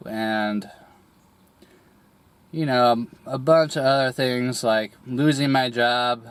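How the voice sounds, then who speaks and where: Getting over a cold, a young man with a slightly raspy, mid-range voice tells a candid personal story slowly, with a little hiss or hum in the recording. He's hesitant and rambling, pausing a lot, using many fillers and restarts, and clearing his throat often.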